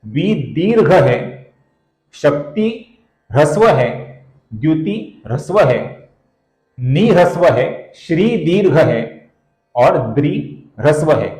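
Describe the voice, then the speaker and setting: A man teaching the pronunciation of verses, speaking slowly and deliberately and stretching out syllables, and addressing viewers as friends. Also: fairly high pitch, sing-song, a little mellow, roomy sound, low-quality recording. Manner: slow and deliberate, stretching out syllables when he chants. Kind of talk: slow, careful recitation lesson.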